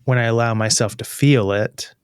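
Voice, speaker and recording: A man in a casual podcast conversation, talking in a calm, thoughtful and measured way. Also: medium pitch, clear, resonant tone.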